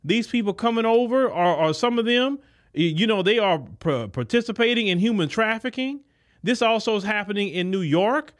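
A man's voice: sits high, animated, normal speed. A man hosting a podcast, giving an indignant, emphatic political commentary monologue. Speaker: podcast host.

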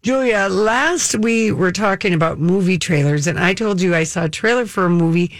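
A woman's voice: on the low side, moderate pace, dry recording, clean studio sound. A woman co-hosting a casual chat show, talking in a chatty, rambling way with restarts. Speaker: co-host.

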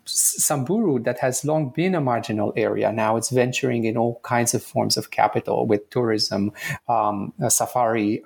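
A man's voice: mid-range voice, gravelly. A man from Romania, an anthropology professor, answering interview questions in a hesitant way with many fillers and restarts. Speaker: anthropology professor, guest author. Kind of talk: podcast interview.

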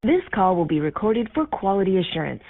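A woman's voice: mid-range voice, brisk. A woman's recorded voice reading a formal phone menu announcement, as a stiff automated prompt spliced together from separate recorded words. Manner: formal, even prompt delivery. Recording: narrow tinny phone line.

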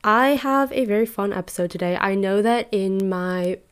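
A woman in her twenties hosts a solo podcast, speaking into a podcast mic as she talks through life advice in an earnest, chatty, reflective way. Her voice is mid-range and smooth, at a moderate pace.

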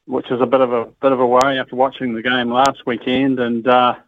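A man's voice: mid-range voice, a little fast, slight background noise. A man calling in to a radio show over the phone, chatting casually and calling the host mate. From New Zealand. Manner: relaxed, says mate often. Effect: heard over the phone line. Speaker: radio caller. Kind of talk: casual call-in chat. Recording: tinny phone line on radio.

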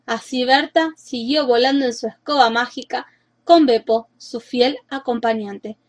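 A woman narrating a children's storybook in a lively, expressive way. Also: fairly high pitch, unhurried.

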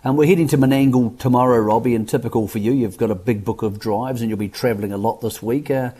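An Australian man with a dark, slightly rough voice hosts sports radio. He is chatty and matey as he interviews racing guests in a casual style. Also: mid-range voice, steady tone, fast talker.

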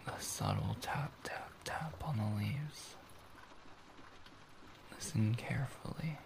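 Man as a close, intimate boyfriend, slow whispered role-play. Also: lowish voice, big pitch swings, exaggerated voice. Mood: dreamy, calming. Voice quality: soft, breathy whisper with creak. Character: close, tender, soothing boyfriend coaxing partner to sleep.

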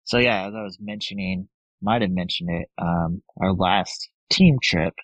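A man telling a casual story as a podcast guest, laid-back, often laughing and mimicking others in a higher voice. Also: a little slow, dry recording, poor audio. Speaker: podcast guest, blackjack player.

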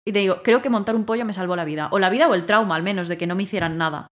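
A woman telling a story in casual conversation, acting out her own lines with bursts of loudness. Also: mid-range voice, rapid-fire. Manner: animated, acts out her own quotes loudly. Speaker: guest.

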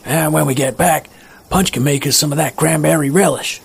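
A man voicing an adult who leads a group of kids in a cartoon, in a calm, cautioning manner. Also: fairly high pitch, moderate pace, creaky, slightly rough, heavily acted.

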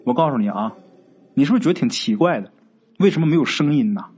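A man voicing a young male avenger who speaks with calm, unhurried menace. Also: mid-range voice, pitched below the performer's own voice, lightly acted. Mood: cold.

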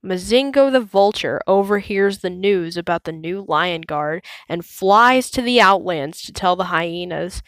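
A woman reading a children's storybook aloud, slow, clear and measured. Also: fairly low pitch, lively intonation, fairly bright tone, dry recording. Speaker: storybook reader.

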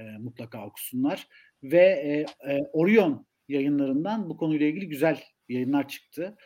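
Male academic guest for political talk show, fairly high voice, emphatic and rhetorical delivery. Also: warm tone. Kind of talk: political discussion on a live stream.

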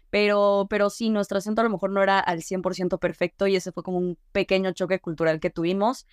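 A young woman, a guest chatting in a relaxed way, full of fillers. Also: lowish voice, clean tone, dry recording, clean studio sound. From Mexico. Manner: relaxed, with many fillers like "eh" and "como que". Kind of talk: casual interview conversation.

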